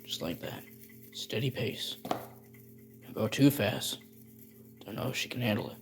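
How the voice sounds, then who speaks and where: A man's voice: fairly low pitch, animated, unhurried, vocal fry, over music. A man playing a rambling, stammering middle-aged chemist cook in a comedic how-to tutorial. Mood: dry, instructive. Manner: rambling, stammering, self-correcting.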